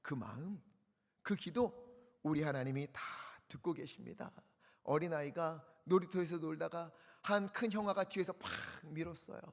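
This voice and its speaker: A male senior pastor giving a sermon, with emphatic rises and soft, hushed drops. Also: a little high, fairly even intonation, normal speed. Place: church sanctuary. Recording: church hall reverb.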